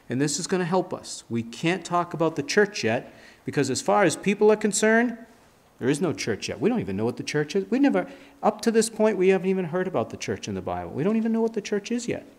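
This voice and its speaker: A man in his fifties, a pastor preaching a sermon at a church pulpit with emphatic, gesturing delivery. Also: on the high side. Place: church sanctuary, standing at a pulpit. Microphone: pulpit mic, filmed by a fixed camera.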